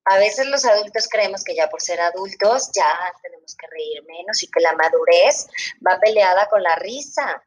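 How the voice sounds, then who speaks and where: A woman speaks in a soft, earnest way in a relaxed group talk. Her voice sits in a middle range. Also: medium pitch, normal speed, poor audio. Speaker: mother. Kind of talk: casual panel chat.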